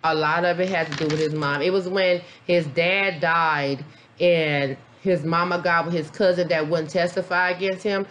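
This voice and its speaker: Her voice is low-ish and a bit bright, with a steady tone and moderate pace, and a little hiss or hum runs under the recording. A mom vlogger reviewing a documentary, she gives a blunt, profane, casual reaction full of fillers and rambling, a little tipsy from a beer.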